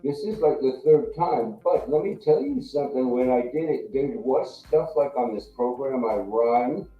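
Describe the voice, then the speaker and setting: A man's voice: medium pitch, expressive, moderate pace. Flustered guy on a stream call, muffled like through a wall, roomy dull mic far from his mouth. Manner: flustered, fumbling with his setup. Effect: muffled, distant voice as if heard through a wall. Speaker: guest calling into a live stream panel. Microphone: computer mic away from the mouth.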